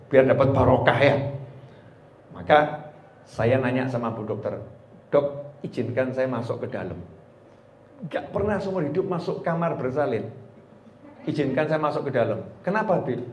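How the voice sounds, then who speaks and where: A middle-aged man with a Javanese-influenced Indonesian accent, telling stories in a playful, humorous sermon, swinging from quiet asides to loud exclaims. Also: mid-range voice. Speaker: preacher. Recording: echoey room, faint ambient noise.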